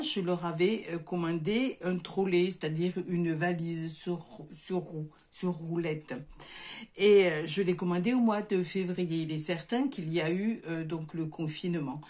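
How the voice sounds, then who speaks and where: Southern french lady chatting to camera in her craft room, lots of ums and restarts, lowish voice. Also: a little mellow. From southern France. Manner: hesitant, many fillers and restarts. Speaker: crafts vlogger. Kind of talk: casual chat to camera. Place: home craft workshop, indoors.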